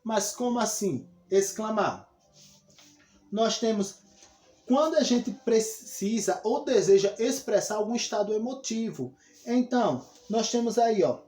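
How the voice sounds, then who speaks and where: A man's voice: high-pitched, expressive, a little slow, dark tone, soft background music. A man with a Brazilian Portuguese accent teaching a lesson, explaining step by step and talking straight to his students. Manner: explanatory, addresses students directly with frequent "olha só". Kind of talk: classroom lesson. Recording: echoey room.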